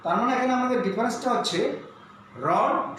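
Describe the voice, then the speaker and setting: High-voiced male teacher in echoey room. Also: fairly bright tone. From Bangladesh. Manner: explains slowly, spells words letter by letter. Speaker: English teacher. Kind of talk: online lesson. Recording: very echoey room with faint hiss.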